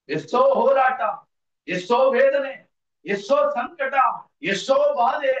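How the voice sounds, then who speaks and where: A man preaching a sermon in a church, impassioned and building to shouted pleas, repeating phrases in rhythmic lists. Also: sits high. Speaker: evangelist preacher. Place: church hall. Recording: roomy, distant, lo-fi church recording.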